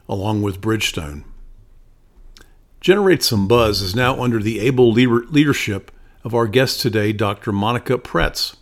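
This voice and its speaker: A man with a somewhat low voice hosts a podcast. He reads a scripted introduction, then fumbles a little with ums and restarts as he asks his guest questions. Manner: hesitant, many ums and restarts when asking. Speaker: podcast host.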